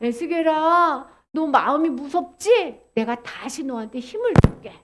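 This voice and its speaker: A kind, reassuring God figure from a children's Bible story, as a woman storyteller puts him on. He speaks slowly and gently in a very high, animated voice. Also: heavy background noise.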